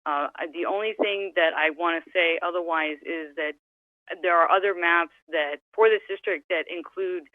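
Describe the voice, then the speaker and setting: A woman's voice: lowish voice, no room sound. A woman calling in to a public hearing on her phone's speakerphone, speaking earnestly and conversationally with a few fillers. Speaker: public comment caller. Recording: tinny dry phone line.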